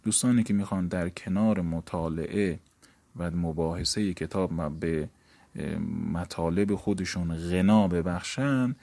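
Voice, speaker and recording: A man teaching a lesson, explaining grammar step by step and reciting verb forms aloud in a steady drill. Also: sits low. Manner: explains step by step, gives book page references. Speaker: teacher of Arabic morphology. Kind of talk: recorded seminary lesson.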